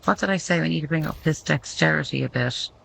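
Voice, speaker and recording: A woman's voice: low voice, fast, gravelly, fairly bright tone, slight background noise, low-quality recording. A woman giving casual gameplay commentary, thinking aloud and reading menu text out as she goes.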